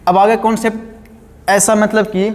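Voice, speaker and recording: A man's voice: sits high, little pitch movement, normal speed. A male teacher, giving a grammar lesson step by step and often asking his students questions. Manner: explains step by step, repeats key words, asks the class questions. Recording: long hall reverb.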